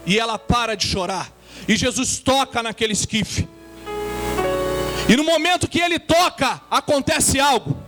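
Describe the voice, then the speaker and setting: A man delivers a sermon in a strikingly high voice, throwing questions out to the congregation with dramatic flair. Music plays clearly beneath him. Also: normal speed. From Brazil. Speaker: guest preacher. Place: church.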